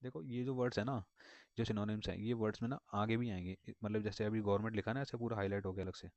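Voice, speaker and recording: A man's voice: on the low side, fairly even intonation, fast, a little mellow, no room sound. A man teaching vocabulary in a casual, rambling way, repeating words and circling back with many fillers. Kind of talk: casual explanatory lesson. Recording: dull lo-fi dry recording.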